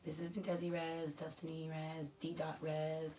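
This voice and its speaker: A woman's voice: low-pitched, monotone, moderate pace, dark tone. Chatty woman with a crackly, dry voice. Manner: chatty, rambling, self-deprecating. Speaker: unboxing vlogger. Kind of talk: casual unboxing chat to camera.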